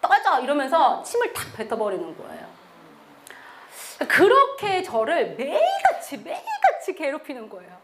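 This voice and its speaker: A middle-aged woman missionary giving a sermon-style testimony, telling her story with animated delivery and acting out the quotes. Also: high voice, moderate pace.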